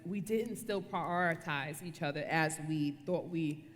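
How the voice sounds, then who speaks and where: A woman's voice: deep voice, unhurried. A woman giving a casual devotional talk on marriage as co-speaker, conversational and playful, often checking for agreement. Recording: reverberant room.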